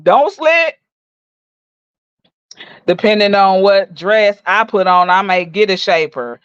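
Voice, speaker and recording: A woman in her forties delivering a profane, mocking rant full of loud insults as she roasts someone on her stream. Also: medium pitch, lively intonation, takes it slowly, clear, resonant tone, no echo. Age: 40s. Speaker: livestream host. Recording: dull dry lo-fi recording.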